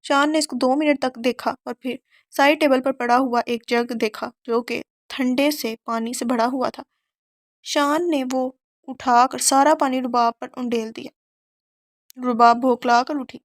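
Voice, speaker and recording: A woman's voice: sits high, steady tone, no room sound, studio quality. A woman narrating a romance novel for an audiobook, telling the story steadily.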